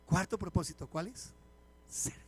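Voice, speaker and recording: A middle-aged pastor preaching to his congregation, his voice sitting unusually high for a man. He keeps it lively and conversational, telling funny stories and peppering the pews with questions. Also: normal speed, a little hiss or hum. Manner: animated and chatty, with humorous stories and direct questions to the congregation. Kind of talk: live church sermon. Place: church service before a congregation.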